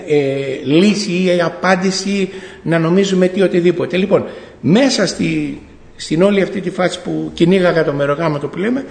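Man with a gravelly voice in an echoey hall. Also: sits high, darkish tone. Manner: storytelling, acts out dialogue, frequent self-corrections. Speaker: church member giving testimony. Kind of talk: spoken faith testimony to a congregation. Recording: echoey hall with long reverb.

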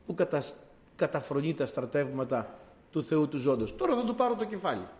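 A man's voice: a little high, lively intonation, darkish tone, close to an everyday voice. A man doing a fearless young shepherd boy. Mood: defiant. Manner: bold and eager.

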